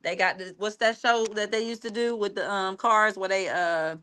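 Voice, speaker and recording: A woman's voice: mid-range voice, steady tone, moderate pace, pushed and bright, clean tone. A woman chatting as a guest in a radio studio, laughing often and joking, speaking into a studio microphone. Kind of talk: casual chat. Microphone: studio microphone with headphones.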